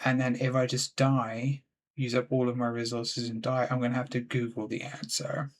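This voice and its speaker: A man's voice: mid-range voice, monotone, moderate pace, a little hiss or hum. A frustrated man giving gameplay commentary at his computer, swearing constantly and talking to himself. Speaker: let's play gamer.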